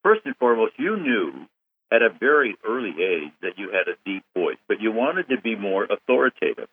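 Guy hosting a phone interview, gushing about his guest, husky lowish voice, phone-line sound. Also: very animated, brisk. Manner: effusive, praising the guest. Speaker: host.

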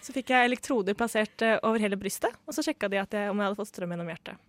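A woman's voice: mid-range voice, a little hiss or hum. A young woman from Norway telling a funny personal story in casual chat, acting out the people she quotes.

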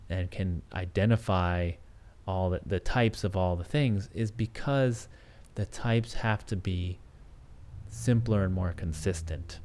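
In a lowish, darkish voice, a native English-speaking podcast host talks on his own, thinking things through with hesitation, frequent restarts, and fillers.

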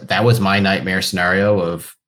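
A man's voice: low voice, flat delivery, normal speed, fairly bright tone. A man speaking casually as a founder being interviewed on a podcast. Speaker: podcast guest, company founder.

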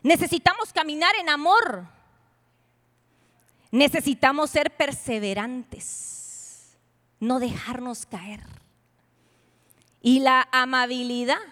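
A woman pastor preaching a sermon to a women's retreat. She is emphatic and teasing, and swings suddenly from loud to hushed. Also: high voice, takes it slowly, long pauses. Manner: playful, teasing asides. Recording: long hall reverb.

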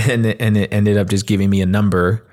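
A man's voice: fairly low pitch, little pitch movement, fast, darkish tone. A man hosting a podcast, telling stories in a casual, informal and sweary way. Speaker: podcast host. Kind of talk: casual conversational storytelling.

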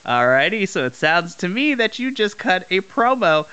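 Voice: medium pitch, very animated, normal speed, pushed and bright, smooth. A game master narrating a tabletop role-playing game in a descriptive, explanatory way.

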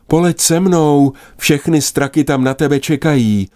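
A man's voice: a little high, darkish tone, dry recording, clean studio sound, pitched above the performer's own voice, lightly acted. A man voicing a young female magpie calling out to her sister. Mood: eager. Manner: calling out urgently.

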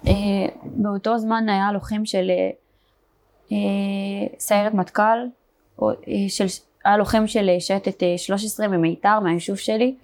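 A young woman from Israel, a border police fighter, telling her story in an interview, halting, with many fillers and restarts. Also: medium pitch, steady tone, darkish tone. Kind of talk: personal testimony in an interview.

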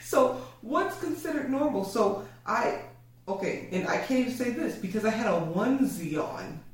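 A playful woman on a couple's podcast, teasing her partner and laughing easily. Her voice sits high and comes from a bit away from the mic, in a very echoey room. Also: expressive, moderate pace, recorded from a distance. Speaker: podcast co-host. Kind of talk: casual couple's chat.

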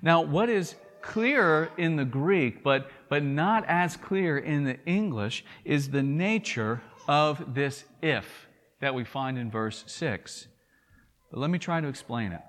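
A man's voice: on the high side, expressive, takes it slowly, fairly bright tone, big-room sound. A man from Tennessee with a Southern accent, preaching a sermon in an earnest way, often repeating words and asking "right?". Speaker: pastor.

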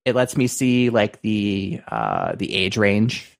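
A man co-hosting a casual business podcast, talking in a halting, circling way full of filler phrases. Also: lowish voice, wildly swooping pitch, creaky. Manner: halting, circling phrasing with repeated "you know" and "like". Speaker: podcast co-host.

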